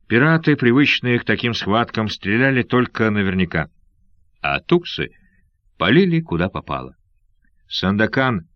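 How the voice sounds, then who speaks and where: A man reading an adventure novel aloud as an audiobook narrator, in a steady, measured way, recorded dry and a little dull. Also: lowish voice, no echo.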